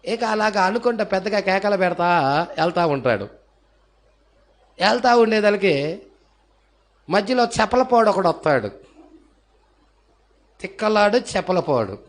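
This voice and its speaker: High, gravelly, fiery preaching man. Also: expressive, a little slow, pauses often. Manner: preaching with sudden shouts and hallelujahs; acts out characters' voices in his storytelling. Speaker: pastor. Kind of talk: fiery sermon with acted-out story.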